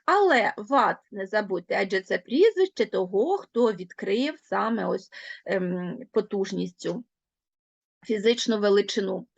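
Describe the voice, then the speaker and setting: Lively teacher woman, clear and deliberate. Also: medium pitch, dry recording, lo-fi sound. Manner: clear, deliberate teacherly delivery, spelling out words slowly. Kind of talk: online Ukrainian grammar lesson.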